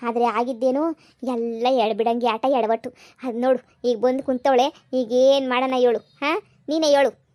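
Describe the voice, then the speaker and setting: A woman playing a scolding, sharp-tongued village mother in a comedy skit. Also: fairly high pitch, steady tone, lightly acted. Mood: blaming. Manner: scolding, fast rustic nagging.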